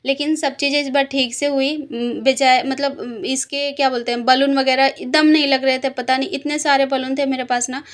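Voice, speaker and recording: A woman's voice: high voice, little pitch movement, moderate pace, few pauses. A young woman, a mother, telling her vlog story in a chatty, rambling voice-over full of fillers, tired from a headache. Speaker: vlogger, mother. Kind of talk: casual voice-over narration.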